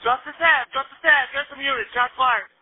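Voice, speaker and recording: A man's voice: extremely high pitch, moderate pace. A man police officer heard over a two-way police radio, giving terse, urgent calls and repeating them. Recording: tinny narrow-band radio transmission.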